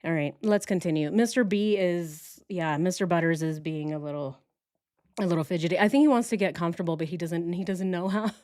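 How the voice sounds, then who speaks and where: A woman's voice: lowish voice, brisk, a little mellow, no room sound, studio quality. A woman hosting a casual true-crime livestream, talking through details informally and posing rhetorical questions as she goes. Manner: rhetorical questions with tag "right?". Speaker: livestream host.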